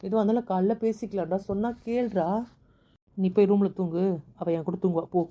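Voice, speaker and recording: A woman voicing a protective older brother who keeps begging his sister and her husband to calm down, in an amateur audio drama. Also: mid-range voice, brisk, lightly acted. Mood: soothing. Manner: soothing, pleading, keeps repeating calm down.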